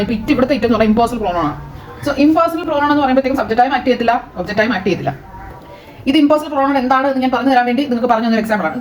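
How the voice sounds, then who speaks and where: A woman with a Malayali accent teaching an English grammar lesson, asking questions and answering them herself. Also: sits high.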